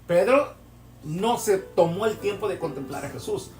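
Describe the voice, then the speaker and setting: A man's voice: sits high, expressive, normal speed, a little hiss or hum. A man preaching a sermon, telling vivid stories and asking rhetorical questions. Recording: echoey hall, distant mic, soft music.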